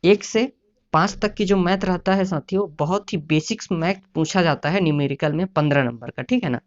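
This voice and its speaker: A man's voice: high voice, fairly quick. A man explaining exam preparation in a casual lecture, often repeating "है ना" and "साथियों". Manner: repetitive, keeps adding "है ना" and "साथियों". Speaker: exam prep teacher. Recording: dull lo-fi sound.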